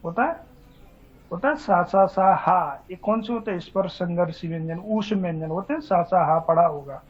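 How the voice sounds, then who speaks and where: A man's voice: sits high, moderate pace, husky. A male teacher giving a classroom lecture on Hindi grammar, asking questions and answering them himself in a repetitive drilling manner. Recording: dull lo-fi recording.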